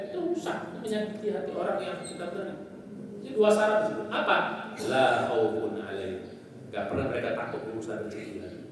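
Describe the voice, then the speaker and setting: A man giving a lively sermon, teasing the congregation with questions. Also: sits high, slight background noise. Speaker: preacher. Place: large echoing mosque hall. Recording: echoey hall, distant mic.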